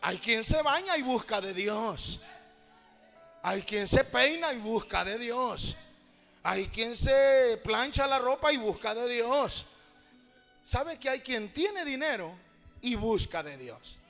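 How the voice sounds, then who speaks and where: Impassioned male preacher, very high-pitched, calls out and half-sings to the congregation. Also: animated, slow pace, gravelly, big-room sound, soft background music. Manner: fervent, calls to the congregation, sings and shouts phrases. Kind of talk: sermon.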